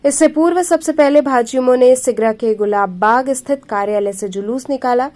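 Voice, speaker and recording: A woman reading a local news bulletin in a formal, measured delivery. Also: sits high, darkish tone. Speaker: news reader. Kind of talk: scripted news narration.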